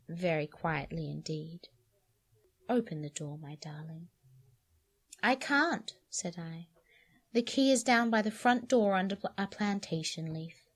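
A woman podcast host giving an expressive dramatic reading of a story, dropping to hushed lines and rising to sharp cries, then chatting casually about it. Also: on the low side, husky.

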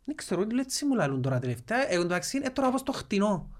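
Animated Cypriot Greek man telling stories. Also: high-pitched. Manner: animated storyteller with many fillers. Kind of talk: casual chat, storytelling.

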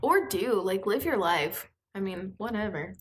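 A woman's voice: mid-range voice, lively intonation, a little slow, breathy edge. A woman co-hosting a podcast in casual, laid-back, slangy chat. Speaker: podcast co-host. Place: at home in an apartment.

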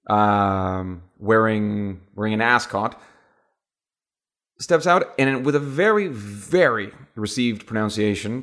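A man narrating as game master in a tabletop game, rambling with frequent fillers and restarts. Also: fairly low pitch.

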